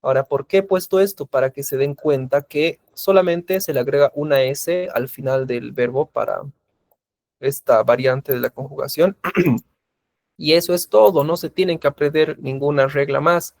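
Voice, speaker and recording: A man's voice: on the high side, moderate pace, creaky, darkish tone, no room sound. A man teaching an English class, patiently repeating examples and asking his students questions. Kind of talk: recorded class lecture in Spanish.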